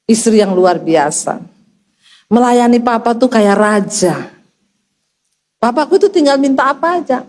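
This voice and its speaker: A woman voicing her middle-aged husband, boastful and drawn-out as he praises his mother. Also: fairly high pitch, animated, a little mellow, voice pushed down.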